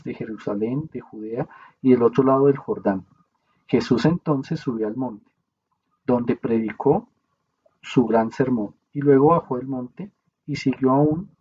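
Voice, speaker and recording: A man with a mid-range voice reads a Bible commentary aloud in a steady, measured manner, occasionally correcting himself. The recording sounds muffled, with a slight hiss.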